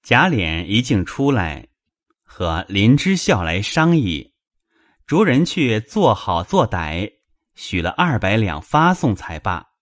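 A man reads a classic novel aloud with a low, deep voice and a slow, unhurried pace. His pitch moves expressively across the lines, recorded dry and close. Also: big pitch swings, no echo. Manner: measured storytelling, also voicing male characters. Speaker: narrator. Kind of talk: dramatized novel reading.

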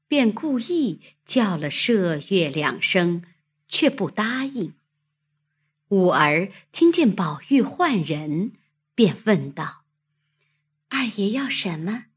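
A woman narrating a classic novel in a slow, expressive reading style. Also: lowish voice, husky. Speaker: storyteller.

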